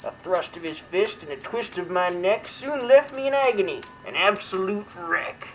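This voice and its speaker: With music playing underneath and a rough recording, a performer reads comic verse as a brash, crude martial arts buddy, a comedy show host character. The delivery is mock-dramatic, irreverent and theatrical, lightly acted in an animated, medium-pitched, somewhat bright voice at a moderate pace.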